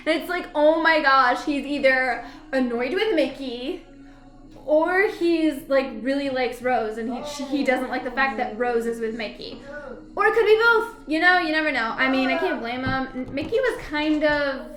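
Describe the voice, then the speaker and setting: High-voiced chatty woman in a roomy space. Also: normal speed. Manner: chatty, rambling, often laughs and hums filler syllables. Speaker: vlogger reviewing a TV episode. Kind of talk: casual rambling chat to camera.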